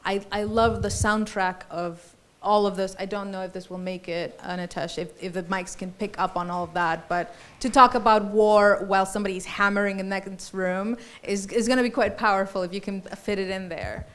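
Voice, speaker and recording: A woman's voice: mid-range voice, steady tone, normal speed, few pauses, fairly bright tone. A woman in her forties, from Colombia, speaking reflectively and lyrically as a panelist at a festival discussion, with many fillers and restarts.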